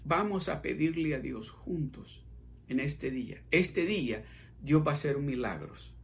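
A man's voice: fairly high pitch, expressive, measured pace, gravelly. A man preaching a midweek sermon, fervent and repetitive, speaking directly to his listeners. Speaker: pastor.

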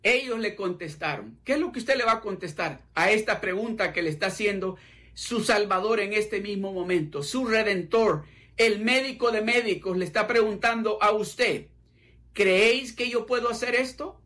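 A man's voice: high-pitched, normal speed, sharp tone. A man preaching a midweek sermon, fervent and repetitive, speaking directly to his listeners. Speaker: pastor.

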